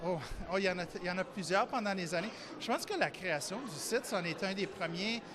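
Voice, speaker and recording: A man's voice: sits high, expressive, fast talker. A man from southern Ontario, a foundation director speaking upbeat while searching for words. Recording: gala crowd outdoors.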